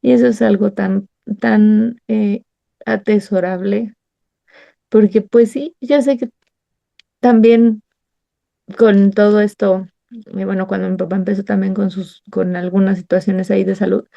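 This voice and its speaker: A woman's voice: mid-range voice, steady tone, unhurried, vocal fry, pauses often, lo-fi sound. A woman with a Mexican accent leading a Bible study, sharing a heartfelt personal testimony and acting out remembered conversations. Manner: warm, storytelling, acts out remembered dialogue.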